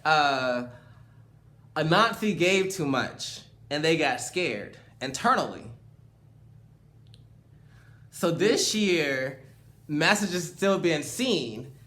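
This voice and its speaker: A man's voice: a little high, sharp tone. Reflective man hosting a casual chat. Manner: reflective, loose, drawn-out phrasing with many fillers. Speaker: host.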